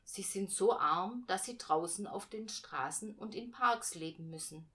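A woman voicing a calm, thoughtful father in a children's storybook, explaining things gently. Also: medium pitch, a little slow. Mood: gentle.

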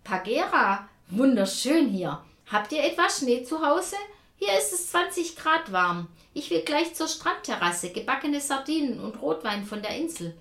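Lady putting on a sunny carefree granny, lively up and down, kinda roomy sound. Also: high voice, unhurried, pitched above the performer's own voice, heavily acted. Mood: cheerful. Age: older. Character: cheerful carefree grandmother on holiday. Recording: roomy echo.

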